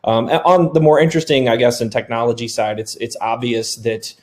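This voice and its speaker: A man in his thirties speaks on a webinar panel with a mid-range pitch. He rambles a little, is candid, and jokes at his own expense. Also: steady tone, a little fast, darkish tone. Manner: candid, rambling, self-deprecating humor. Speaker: software developer, company founder. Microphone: video call.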